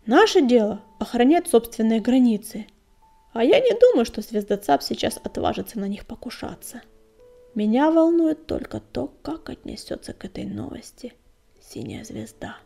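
A woman reading a storybook and voicing a caring, steady male cat warrior leader in a soft, breathy voice. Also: fairly high pitch, moderate pace, soft background music, heavily acted. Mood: worried.

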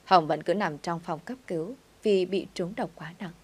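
A woman narrating a dramatic story in the first person with an even, steady reading. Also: fairly low pitch, moderate pace, breathy edge.

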